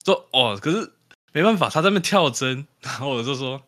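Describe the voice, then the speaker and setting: A young man with a Taiwanese Mandarin accent, telling stories as a podcast co-host in an animated way, often laughing. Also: mid-range voice, brisk. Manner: animated retelling, acts out quotes, frequent laughs. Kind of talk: casual chat, storytelling.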